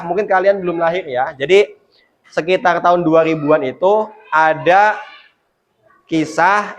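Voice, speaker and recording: A teacher giving a classroom lesson, quizzing the pupils with quick questions and explaining each answer. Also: mid-range voice. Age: adult.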